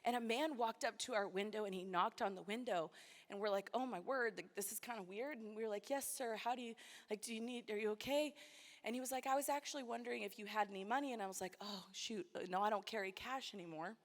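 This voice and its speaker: A woman's voice: mid-range voice, brisk. A woman preaching a sermon to a conference, emotional and close to tears at times. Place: large church hall. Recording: long church hall reverb.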